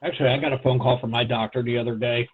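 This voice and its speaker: A man co-hosting a podcast in casual chat, rambling and halting with fillers and restarts. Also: medium pitch, steady tone, breathy edge. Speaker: podcast co-host. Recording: phone-like narrow sound.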